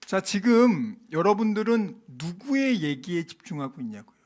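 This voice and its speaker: A man's voice: high-pitched, normal speed. A man preaching a sermon as pastor in a church, emphatic and dramatic, acting out the voices of the people he quotes. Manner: animated, acts out quoted voices; emphatic, repeats points to the congregation.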